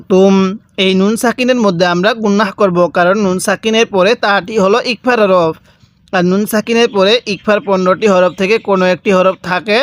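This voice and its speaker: A man teaching Quran reading step by step, drawing out each word slowly and asking the learner to repeat after him. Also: high-pitched, no echo. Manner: slow, drawn-out recitation of each word, then repeats it for the learner. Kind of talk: step-by-step recitation lesson.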